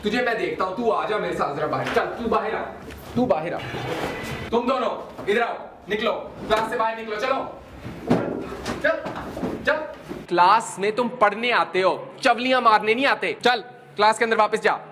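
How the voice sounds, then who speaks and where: A man's voice: high-pitched, normal speed, background noise, close to an everyday voice. A man playing a stern schoolteacher. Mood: angry. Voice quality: stern, scolding. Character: strict angry male schoolteacher. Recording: roomy, distant home video.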